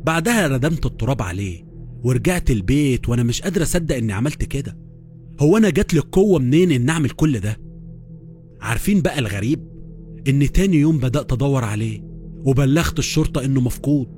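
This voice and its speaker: A man's voice: mid-range voice, animated, fast, a little mellow. A man with an Egyptian accent narrating a first-person horror story in a tense, dramatic way. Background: faint music.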